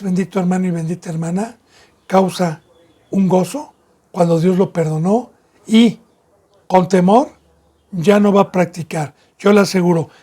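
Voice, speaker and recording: A man with a Mexican Spanish accent preaching a fervent sermon as a pastor, often addressing his listeners as brothers and sisters, drawing out key words and then rushing through others. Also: high-pitched, a little mellow, slightly rough. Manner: fervent preaching, often addresses "bendito hermano y bendita hermana".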